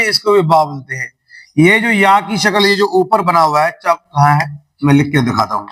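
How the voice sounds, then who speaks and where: A male teacher runs a children's reading lesson as a classroom drill, asking questions back and stretching out each syllable as he models words in repetitive call-and-response. His voice sits high, bright, and forceful, though the audio is poor.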